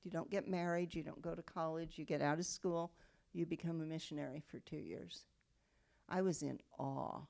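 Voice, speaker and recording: A woman's voice: low voice, steady tone, moderate pace, vocal fry, a little mellow. A woman, telling her family story in an oral history interview. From United States. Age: 70s. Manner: reflective storytelling with frequent um and okay.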